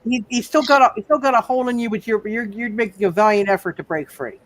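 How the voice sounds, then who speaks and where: Against a noisy background, someone with a mid-range voice casually referees a tabletop roleplaying session as game master. They think aloud, repeating phrases in a halting way.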